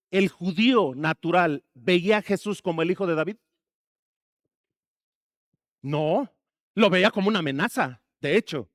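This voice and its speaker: A man's voice: sits high, dry recording, clean studio sound. A man preaching a sermon as pastor, asking the congregation questions and slipping in jokes. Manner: asks the congregation questions and jokes between points.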